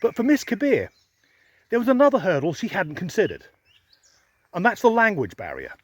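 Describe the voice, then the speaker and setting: An Englishman vlogs into a handheld camera he's holding on himself, grumbling in a sardonic monologue full of dry, sweary humor. His voice is high-pitched with huge pitch swings and a breathy edge, at normal speed, and the recording is dry.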